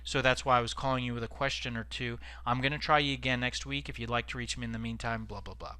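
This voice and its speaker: A man acting out a sample voicemail he is leaving for a sales prospect, brisk and upbeat, with a few uhs. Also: medium pitch, fairly even intonation, bright, forceful tone, clean tone. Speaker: sales trainer.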